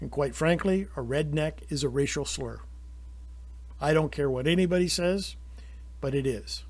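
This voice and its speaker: Speaking at a moderate pace, a channel host, a middle-aged man from Canada, rambles indignantly through his opinions. His sentences frequently break off and restart, and his voice sits slightly high for a man.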